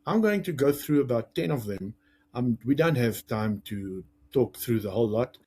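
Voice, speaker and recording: Husky South African man teaching parents. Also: medium pitch, moderate pace. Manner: lively, conversational, jokes and acts out quoted lines. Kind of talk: educational talk to camera.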